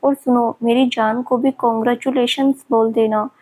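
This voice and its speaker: A woman's voice: on the high side, fairly even intonation, moderate pace, darkish tone, natural voice. A woman voicing a taunting, leering male villain who has escaped from an asylum, in her own narrating voice. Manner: mocking and leering.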